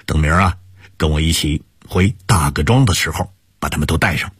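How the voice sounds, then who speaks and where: A man's voice: very deep voice, brisk, fairly bright tone, husky, no room sound, clean studio sound, full character voice. A man voicing a middle-aged man returning home, hearty at first and then stunned. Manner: hearty calls, then disbelieving murmur.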